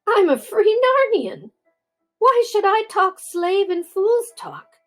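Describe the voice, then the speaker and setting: Grandma doing a proud, bossy talking war horse. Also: female voice, very high-pitched, sing-song, slow, soft background music, voice pushed up, exaggerated voice, low-quality recording. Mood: indignant. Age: older. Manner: scornful, bossy, then gently coaxing.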